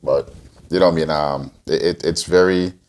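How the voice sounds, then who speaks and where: His voice a low rumble with fairly even intonation, this forties-age man, from Guyana by birth and Antigua by upbringing, talks at a moderate pace. He's a podcast co-host answering interview questions, wandering off and restarting again and again.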